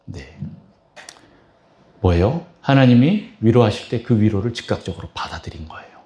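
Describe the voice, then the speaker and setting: A man's voice: medium pitch, darkish tone. Middle-aged man, pastor, emphatic revival preaching with rhetorical questions, mid-range voice. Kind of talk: revival sermon. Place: church sanctuary.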